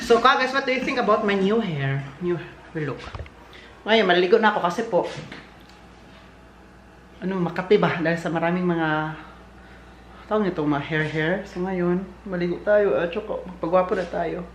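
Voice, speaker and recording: In this home vlog filmed indoors and outdoors in Germany, a woman from the Philippines talks casually to her audience in a lowish voice at a moderate pace. There's a little hiss or hum on the recording. She laughs a lot and mixes English words into her speech.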